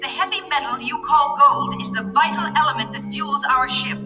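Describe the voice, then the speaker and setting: Woman acting a high-voiced, solemn alien leader. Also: moderate pace, close to an everyday voice. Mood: grave, urgent. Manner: formal, declarative. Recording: dull old cartoon soundtrack, music behind.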